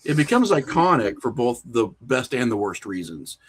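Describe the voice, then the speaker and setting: A middle-aged horror filmmaker and writer, appearing as a podcast guest, talks casually and opinionatedly, rambling as he works through his thoughts. His medium-pitched voice swings widely in pitch, has a breathy edge and moves at a moderate pace.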